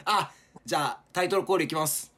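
A man's voice: on the high side, fast talker, bright, forceful tone, breathy edge. A young man co-hosting a podcast in casual comedic banter, teasing his partner playfully and dropping into silly bits. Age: young adult. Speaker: podcast co-host.

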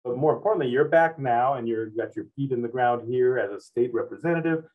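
A man hosting an interview talks fast in a mid-range voice, posing long, rambling questions that keep looping back on his own phrasing. He's far from the mic, and the audio sounds tinny, like a phone.

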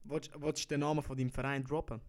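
A man's voice: fairly high pitch, flat delivery, fast talker. A young man with a Swiss German accent, co-hosting a podcast and prodding his friend with teasing questions. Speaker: podcast co-host. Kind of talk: casual chat.

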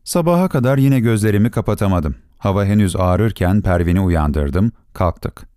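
A man narrating a story for an audiobook in a measured, expressive storytelling manner. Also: fairly low pitch, no room sound, studio quality. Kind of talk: scripted narration.

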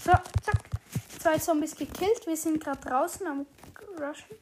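Woman, very high-pitched, excitable, narrates own moves, casual gameplay chat. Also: a little slow, noisy background. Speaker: podcast host playing a survival game.

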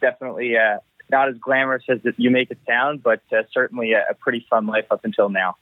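A Canadian race car driver with a medium-pitched, steady voice talks fast in a phone interview, often repeating words as he thinks. The recording comes over a tinny, dry phone line.

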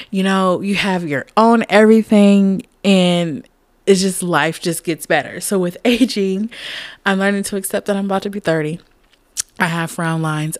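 A woman's voice: lowish voice, no room sound. A woman in her late twenties talking candidly in a casual personal monologue, rambling and laughing often. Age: late 20s. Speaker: podcast host.

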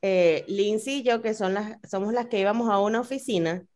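A woman's voice: mid-range voice, a little fast, a little mellow. A young woman co-hosting a casual podcast chat, telling stories in a loose, slangy way with frequent laughs. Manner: chatty storyteller, peppered with slang and laughs. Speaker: podcast co-host.

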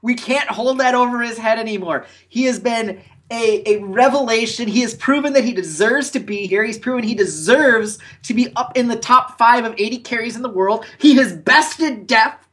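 A woman with a somewhat high voice co-hosts a casual esports podcast. She talks playfully, slips into a mock-preachy tone, and tells long, rambling stories. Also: moderate pace, fairly bright tone.

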